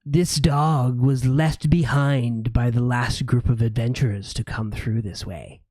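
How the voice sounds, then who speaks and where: A man's voice: mid-range voice, fairly even intonation, unhurried, a little mellow, no room sound, natural voice. A man voicing a giggly, taunting stone gargoyle in a tabletop game. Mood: ominous warning.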